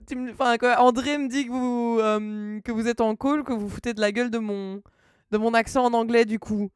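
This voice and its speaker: Bubbly high-voiced woman streamer. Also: smooth, no room sound, clean studio sound. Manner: chatty, reads chat aloud, laughs often. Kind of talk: casual live-stream chat.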